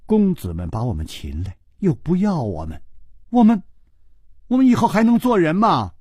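A man's voice: on the high side, wildly swooping pitch, normal speed, darkish tone, husky, no echo, studio quality, pitched above the performer's own voice, exaggerated voice. A man voicing a coy young woman captive who coaxes and pleads hesitantly. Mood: coaxing.

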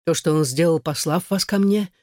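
A man's voice: a little high, normal speed, a little mellow, no echo, clean studio sound, lightly acted. A man voicing a young, newly crowned emperor who speaks fervently and reverently in an audiobook. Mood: earnest.

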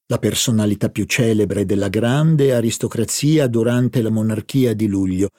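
A male audiobook narrator giving a measured, expressive reading of a literary novel. His voice is dark, warm and gravelly, and the recording sounds dry and close. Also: mid-range voice, dry recording.

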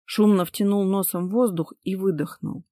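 Female audiobook narrator, steady and expressive, mid pitch, dead-dry booth sound. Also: normal speed, no room sound. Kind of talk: scripted narration of a novel.

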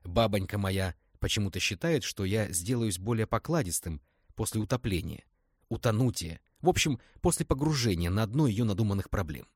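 A man's voice: on the low side, lively intonation, moderate pace, darkish tone, slightly rough, dry recording, studio quality. A man doing a folksy old colonel. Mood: joking. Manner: folksy and teasing. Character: older male colonel, folksy joking uncle.

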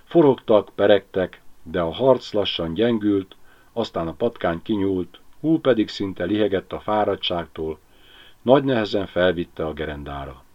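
Male audiobook narrator, low and very lively delivery, lo-fi sound. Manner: expressive storytelling. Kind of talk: audiobook reading.

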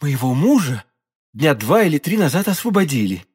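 A man's voice: a little high, big pitch swings, normal speed, darkish tone, slightly rough. A man reading an audiobook, voicing an earnest, devoted young woman who serves the queen. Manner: earnest, fervent.

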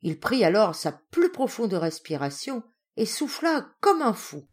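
A woman narrating a traditional fairy tale as an audiobook reader, in an expressive storytelling way. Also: mid-range voice, measured pace. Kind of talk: storybook reading.

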